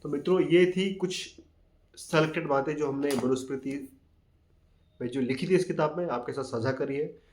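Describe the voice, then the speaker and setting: A man hosting a talk, reading scripture verses aloud slowly and then explaining them in plain with mixed in. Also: on the high side, a little mellow. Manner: reads quotes slowly, then explains in plain Hindi with English words. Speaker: channel host explaining a scripture.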